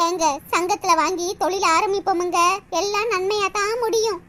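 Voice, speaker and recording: Someone voicing a shrill pleading village wife. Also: steady tone, brisk, sharp tone. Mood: encouraging. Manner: pleading, scolding then encouraging. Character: worried young village wife, pleading, practical. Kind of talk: cartoon voice acting.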